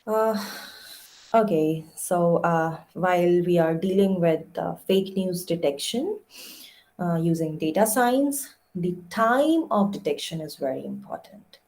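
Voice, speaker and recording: A woman's voice: fairly low pitch, measured pace, a little mellow. A young woman giving an academic lecture, explaining step by step with frequent "uh" fillers. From India. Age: young adult. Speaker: guest lecturer.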